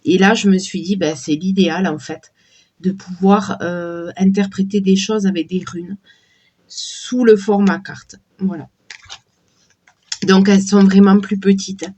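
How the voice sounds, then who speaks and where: A woman with a cold and a sore throat, slowly and hesitantly chatting while showing a deck of oracle cards. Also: medium pitch, steady tone, warm tone, breathy edge, muffled recording. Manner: slow, hesitant, many fillers and restarts. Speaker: tarot and oracle card reviewer. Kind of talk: casual unboxing chat.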